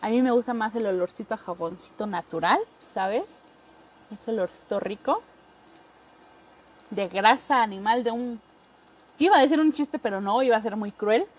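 Mexican woman chatting on her podcast, kinda high voice, jokey, does little impressions of people. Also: breathy edge. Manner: chatty, jokey, acts out coworkers in quick impressions. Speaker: podcast host. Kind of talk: casual comedic monologue.

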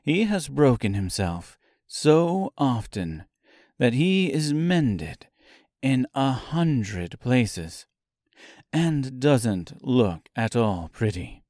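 A delicate, timid little china princess who talks slowly and softly, as a male reader puts her on. She sounds fragile and careful. The recording is dry. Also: mid-range voice, big pitch swings, no echo. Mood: wistful. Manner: slow, soft and fragile.

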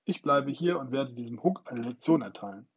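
A man's voice: medium pitch, expressive, fairly quick, slightly rough, lo-fi sound. A man voicing a bold, cocky boy hero in a storybook reading, raising his voice a little to play him commanding and mocking.

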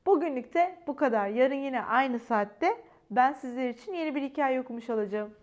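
A woman reads a bedtime story aloud for children in a gentle, soothing manner. She often turns to speak to her little listeners directly, and her voice sits quite high. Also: animated, fairly quick.

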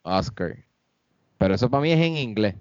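A man's voice: lowish voice, moderate pace, smooth, no room sound, dull audio. A man co-hosting a podcast, rambling through stumbling explanations in casual chat. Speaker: podcast co-host.

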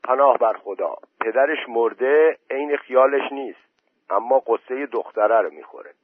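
A man's voice: mid-range voice, no echo, pitched above the performer's own voice, lightly acted. A man voicing an uneasy, troubled village man who exclaims his worries. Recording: dry tinny phone-like voice message.

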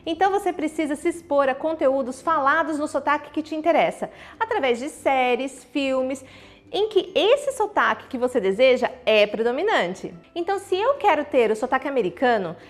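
Woman, Brazilian Portuguese accent, English teacher, lively direct delivery, demonstrates English words, high-pitched. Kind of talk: online video lesson with tips.

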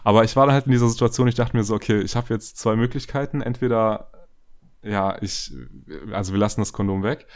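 A man's voice: fairly low pitch, quick pace. A young man telling a personal story in a casual chat, rambling with slang and fillers and turning often to speak to his listeners directly.

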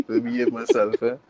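Joking man guest over crowd chatter. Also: mid-range voice. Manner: jokey and teasing, laughs often. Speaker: podcast guest. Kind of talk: casual joking banter.

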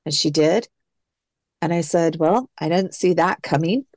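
Her voice is lowish, a little slow and mellow, with no echo. This adoptee guest looks back reflectively on her story in a relaxed interview, quoting lines from old phone calls.

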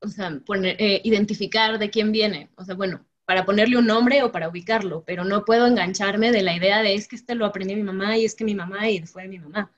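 Woman, mid pitch, thoughtful, reasoning aloud. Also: fairly even intonation, quick pace, hardly any pauses, highs cut off. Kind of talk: casual group conversation.

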